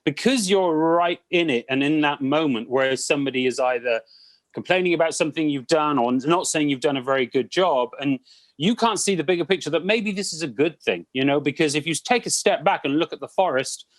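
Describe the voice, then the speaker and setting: Male, slightly high voice, close dry recording; animated, anecdotal interviewee who acts out quotes. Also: fairly quick, no room sound. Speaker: cruise director interviewed about career. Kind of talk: conversational interview answers, anecdotal.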